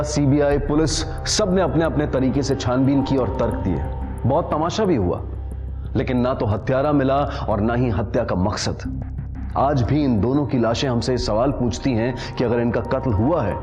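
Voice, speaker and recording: A man's voice: mid-range voice, muffled recording. Grave male crime-show narrator. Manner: grave, probing, rhetorical.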